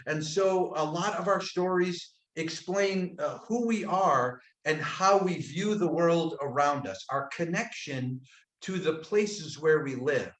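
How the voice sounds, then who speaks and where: Soft-spoken man with frequent pauses, echoey room. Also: a little high. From upstate New York, United States. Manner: thoughtful, many "uh" pauses, soft trailing phrase ends. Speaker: guest storyteller. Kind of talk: casual storytelling talk on a webinar. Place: indoors, abroad in Croatia.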